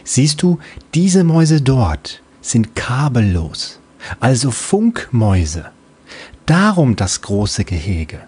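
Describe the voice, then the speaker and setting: A man's voice: medium pitch, huge pitch swings, slow, a little mellow, breathy edge, heavily acted. A man voicing a patient mother who explains things in a soothing, doting way.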